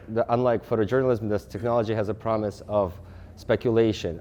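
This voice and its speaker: A man in his thirties from Russia giving a lecture presentation, talking fast, with frequent restarts and fillers. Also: fairly low pitch, darkish tone, slight background noise. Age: 30s. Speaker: guest speaker.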